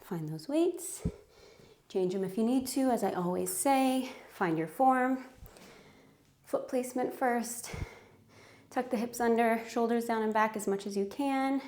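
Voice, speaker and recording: A woman's voice: fairly high pitch, a little slow, darkish tone, reverberant. A woman leading a home workout, counting reps and giving encouraging cues while out of breath. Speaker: fitness instructor. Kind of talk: guided home workout instruction. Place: home room.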